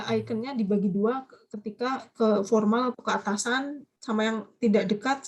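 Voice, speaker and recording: A woman teaching a language class online, lively and coaxing students with quick questions. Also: fairly high pitch.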